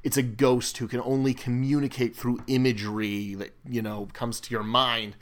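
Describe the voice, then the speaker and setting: A man's voice: mid-range voice, flat delivery, normal speed. Man chatting casually about games. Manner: conversational, rambling with fillers and restarts. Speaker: co-host. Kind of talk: casual board game discussion.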